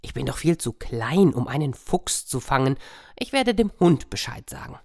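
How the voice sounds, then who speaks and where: An unimpressed cat from a children's fable, read by a woman. She speaks low and dry, brushing things off with cool scorn. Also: big pitch swings, moderate pace, darkish tone, heavily acted. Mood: dismissive. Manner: dry, dismissive.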